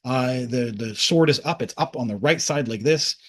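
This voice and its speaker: Speaking at medium pitch and normal speed, a man casually recounts a past-life vision in a rambling monologue full of restarts and fillers, at times acting out the voices of a crowd.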